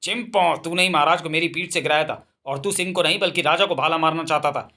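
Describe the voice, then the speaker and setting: A man's voice: on the high side, fast talker, bright, forceful tone. A man doing a spiteful she-elephant. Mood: accusing. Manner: scolding, gloating. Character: spiteful female elephant, vengeful and greedy.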